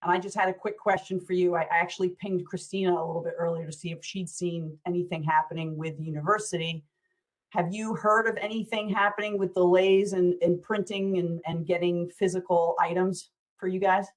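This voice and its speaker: A woman's voice: on the low side, level tone, a little fast, low-quality recording. A woman trustee asking questions at a board meeting over a video call, in a chatty way with many hesitations. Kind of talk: meeting discussion.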